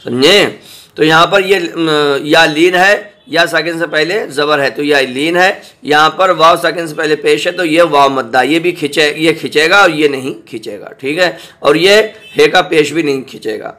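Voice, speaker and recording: A man teaching Quran recitation, spelling out each word slowly and repeating it, often checking that the listener understands. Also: on the high side, sharp tone. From South Asia. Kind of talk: slow spelled-out recitation lesson.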